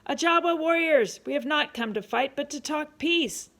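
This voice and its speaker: Older lady doing a serious explorer doctor, earnest and reasoning, gravelly voice. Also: medium pitch, animated, normal speed, a little mellow. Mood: urgent. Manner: earnest, reasoning, peace-seeking. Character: steady determined male doctor-explorer, middle-aged.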